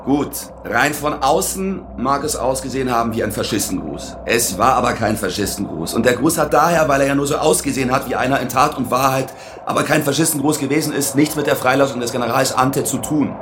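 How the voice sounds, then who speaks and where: A man playing a self-justifying footballer in a scripted monologue, declamatory and deliberate. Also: medium pitch, background noise, close to an everyday voice. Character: self-justifying footballer giving solemn, deliberate public statements.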